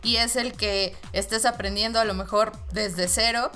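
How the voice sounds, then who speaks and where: A woman hosting a podcast, agreeable and quick, chiming in with "claro" often. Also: mid-range voice, steady tone, bright, forceful tone, soft background music. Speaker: podcast host. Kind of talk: casual chat.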